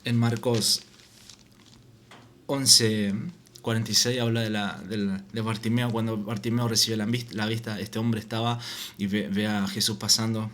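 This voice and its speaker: A man giving an informal Bible teaching, reading scripture aloud and often halting and repeating words. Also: lowish voice, little pitch movement, fairly bright tone. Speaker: preacher.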